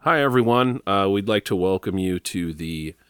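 A man co-hosting a casual sports fan podcast, talking in a relaxed, halting way with plenty of fillers. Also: low-pitched, clean tone, no room sound, clean studio sound. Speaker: podcast co-host.

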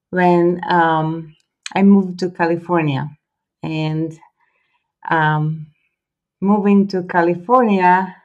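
A woman with a Croatian accent, a guest in a podcast interview, speaking hesitantly with many fillers and restarts. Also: fairly low pitch. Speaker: guest photographer.

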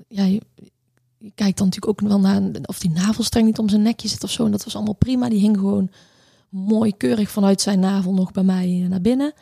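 A woman in her thirties telling a personal story in a halting, reflective way, with many restarts and fillers. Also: medium pitch, vocal fry, mellow, breathy edge, no echo, studio quality.

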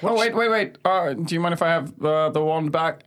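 A man playing a tabletop game, goofy and excitable. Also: fairly high pitch, fairly quick. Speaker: player. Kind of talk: casual tabletop play.

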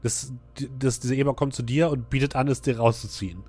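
Halting male game master over music. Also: medium pitch, darkish tone. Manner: halting, descriptive, second-person storytelling. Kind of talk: narrating a tabletop fantasy game.

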